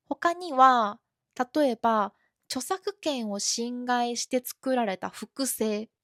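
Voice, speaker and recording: A woman teaching Japanese in a podcast lesson for learners, explaining words slowly and deliberately with examples. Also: on the high side, no room sound, studio quality.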